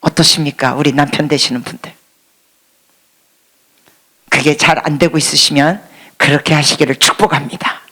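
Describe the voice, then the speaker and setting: A woman's voice: sits low, fairly even intonation, normal speed, pauses often, fairly bright tone, slightly rough. A woman missionary preaching a sermon in church, quizzing the congregation and dropping to a whisper for emphasis. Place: church service before a congregation.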